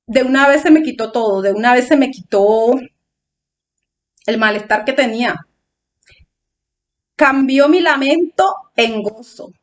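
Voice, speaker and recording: High-voiced woman preaching a sermon. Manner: emotional testimony, reenacting her own tearful prayers.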